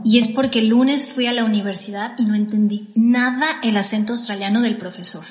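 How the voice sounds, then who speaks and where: Mexican woman, higher voice, reflective narration, roomy echo, music behind. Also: a little fast, a little mellow. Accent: Mexican Spanish. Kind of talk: scripted narration.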